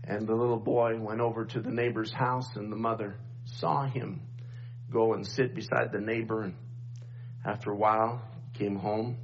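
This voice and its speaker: A man's voice: lowish voice, little pitch movement, normal speed. Middle-aged guy preaching at a pulpit mic, keeps asking for amens, kinda muffled sound. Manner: preaching with repeated refrains and calls for amen. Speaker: pastor. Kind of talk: sermon. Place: church sanctuary, at a pulpit microphone. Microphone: pulpit microphone. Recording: dull church recording with faint hum.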